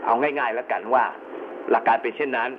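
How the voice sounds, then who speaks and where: A man's voice: medium pitch, flat delivery, quick pace. Male instructor on a narrow, noisy phone-like line. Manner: step-by-step explaining, colloquial asides. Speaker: instructor in amateur radio emergency communications. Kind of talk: explanatory lecture, partly informal. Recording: narrow phone-like band with clear background noise.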